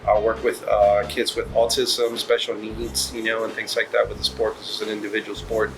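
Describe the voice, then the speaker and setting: A man's voice: on the low side, flat delivery, normal speed, a little hiss or hum, low-quality recording. A middle-aged man from Puerto Rico, a restaurant managing partner, answering interview questions in a rambling way with many fillers and restarts. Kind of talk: casual interview. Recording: music playing underneath.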